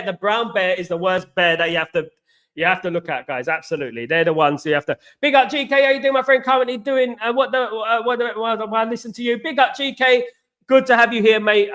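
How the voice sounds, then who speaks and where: Here the English streamer's high voice sounds pushed and bright. He rambles casually through his livestream, reading viewers' comments, greeting them individually and leaning on the phrases "absolutely" and "big up."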